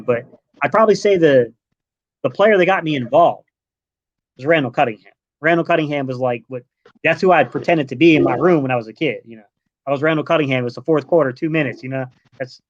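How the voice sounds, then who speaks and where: A man in his late thirties from Delaware, a guest in a casual sports podcast chat, relaxed and rambling, dropping "man" often. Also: mid-range voice, no room sound. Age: 30s. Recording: dull lo-fi online call audio.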